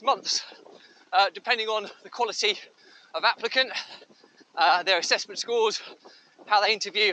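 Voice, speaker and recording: A man's voice: sits high, sharp tone. Man talking over wind-distorted mic. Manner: thoughtful, with frequent ums and uhs. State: running into a headwind. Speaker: vlogger. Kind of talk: talking while running, business advice. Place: outdoors, windy. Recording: wind-distorted outdoor mic with faint noise.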